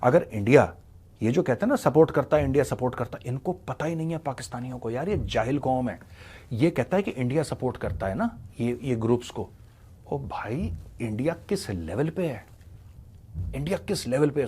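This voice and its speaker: A man giving blunt, scornful political commentary, mixing in English phrases and reading quotes out slowly. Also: medium pitch, expressive, warm tone, a little hiss or hum. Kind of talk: opinionated commentary.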